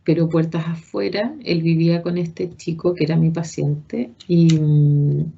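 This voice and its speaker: Low, gravelly Chilean woman teaching. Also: measured pace, muffled recording, a little hiss or hum. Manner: animated storytelling, quotes the people she describes. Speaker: therapist teaching a workshop. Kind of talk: informal lecture with case story.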